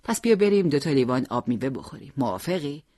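A calm, determined teenage boy in a storybook, speaking gently and earnestly with a lively rise and fall, as the audiobook reader puts him on. The voice is slightly breathy and recorded close and dry. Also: mid-range voice, no echo.

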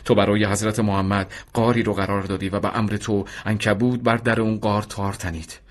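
A man voicing a steady, devout male battalion commander in an earnest radio drama reading. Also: on the low side, close to an everyday voice. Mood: pleading. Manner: earnest, fervent when pleading.

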